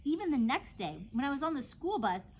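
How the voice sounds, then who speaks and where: A teacher reads a children's storybook aloud, her high voice swinging widely in pitch as she narrates briskly and dramatically in a childlike first person. Her tone is a little mellow, with slight background noise.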